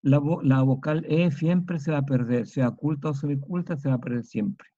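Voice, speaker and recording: Chilean man teaching slowly, repeating key words. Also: mid-range voice, dark tone, no echo, highs cut off. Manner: slow, explanatory, repeats words for emphasis. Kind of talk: recorded online lecture.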